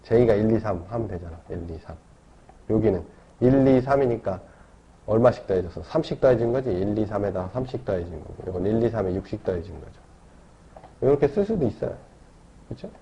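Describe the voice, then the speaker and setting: A man's voice: fairly low pitch, expressive, fairly quick, dark tone, a little hiss or hum. A man teaching a math lesson, explaining step by step and often checking in with tag questions. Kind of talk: classroom lecture. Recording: dull lo-fi lecture recording.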